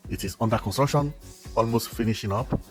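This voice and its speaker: A man's voice: medium pitch, a little fast, soft background music. A man narrating a building tour, exclaiming and repeating himself with enthusiasm. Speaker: vlogger.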